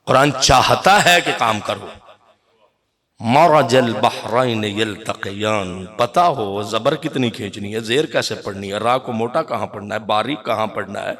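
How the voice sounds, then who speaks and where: A middle-aged man delivering an impassioned sermon, moving between soft, slow Quranic recitation and shouted, sung declamation. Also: fairly low pitch. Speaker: cleric giving a religious address. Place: gathering at a congregational religious hall.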